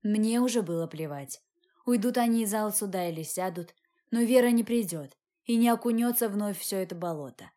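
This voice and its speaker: A woman reading a dramatic first-person story aloud, expressive in her delivery. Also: medium pitch, fairly quick. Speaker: audiobook narrator.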